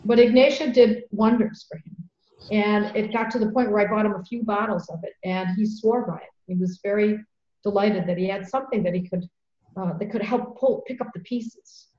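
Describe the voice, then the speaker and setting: With a mid-range, darkish voice, steady tone and moderate pace, a woman who practices homeopathy speaks earnestly in a storytelling manner. She leans on fillers and repeats words as emotion rises, and the lo-fi recording sounds dull and echoey.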